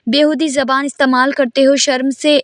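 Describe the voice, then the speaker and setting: A woman voicing a middle-aged aunt who teases and gently scolds her nephew with affection. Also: high-pitched, little pitch movement, no echo, clean studio sound, lightly acted. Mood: affectionate.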